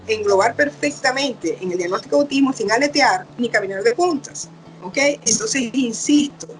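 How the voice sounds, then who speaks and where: A middle-aged woman doctor, explaining patiently in an interview. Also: on the high side. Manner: patient, explanatory, acts out quoted parents and children. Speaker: doctor, guest expert. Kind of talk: explaining casual interview talk.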